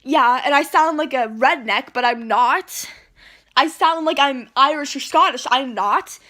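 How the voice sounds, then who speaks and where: This vlogger, filming a heated rant to camera on her phone indoors at home, argues indignantly, rambles, and keeps restarting. Her high voice has a sharp tone and an unhurried pace.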